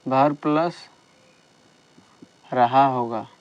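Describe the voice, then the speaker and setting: Slow, smooth-voiced male teacher. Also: medium pitch, fairly even intonation, muffled recording. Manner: slow, patient explaining with repeated checks. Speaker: English teacher. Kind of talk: classroom grammar lesson.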